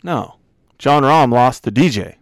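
A man's voice: medium pitch, animated, measured pace, gravelly, no room sound, clean studio sound. A man hosting a casual podcast chat, joking and swearing as he calls on each of his friends in turn. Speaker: podcast host.

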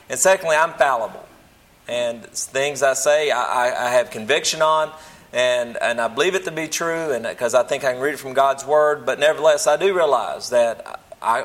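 A man with a medium-pitched, fairly bright voice preaches a Bible lesson to a church group, teaching in a sermon style. His delivery is folksy, plain-spoken and humble, and he frequently rephrases as he goes.

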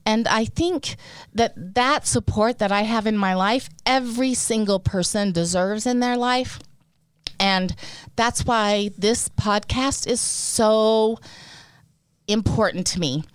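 A woman's voice: fairly high pitch, takes it slowly, clear, resonant tone, dry recording. A woman co-hosting a podcast, talking in an earnest, emotional and emphatic way about showing up for others. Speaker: podcast co-host. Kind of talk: heartfelt casual podcast talk.

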